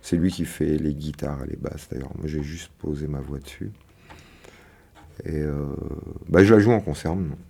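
A man from Canada, a singer-songwriter guest, talking casually on a radio show with frequent hesitations and trailing off softly. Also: very deep voice, moderate pace, creaky, slight background noise.

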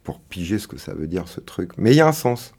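Radio guest: deep-voiced man from Canada, halting, lots of ums, tails off quietly. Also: very animated, vocal fry, husky. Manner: hesitant, many fillers, trails off softly. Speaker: guest singer-songwriter. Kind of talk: casual radio interview.

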